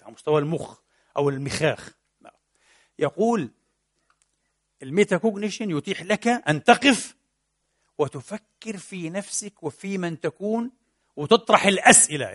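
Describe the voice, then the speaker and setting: A man giving a lively religious lecture, asking rhetorical questions and answering them himself, mixing colloquial and formal with English technical terms. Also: on the high side. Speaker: preacher and lecturer.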